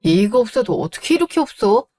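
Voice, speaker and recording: A woman's voice: fairly high pitch, sing-song, quick pace, mellow. Audio drama: rude, irritable husband, blunt and scornful, read by a woman. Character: irritable rude husband, middle-aged man.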